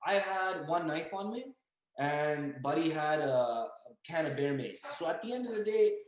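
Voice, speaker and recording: A young man telling a story as a podcast guest, casual and animated, acting out the voices of the people in it. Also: on the high side, moderate pace. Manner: animated, acts out dialogue and yelling. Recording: echoey room.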